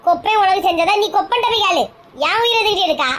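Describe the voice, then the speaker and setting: A woman with a Kanyakumari Tamil accent playing a stubborn, quarrelsome village mother who scolds in rapid bursts. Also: very high voice, fairly bright tone, voice pushed down. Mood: scolding.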